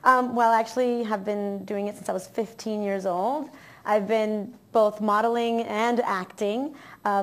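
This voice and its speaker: A woman with a Miami accent, chatting upbeat as an actress guest in an interview. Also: medium pitch. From Miami, Florida, USA. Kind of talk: casual interview chat.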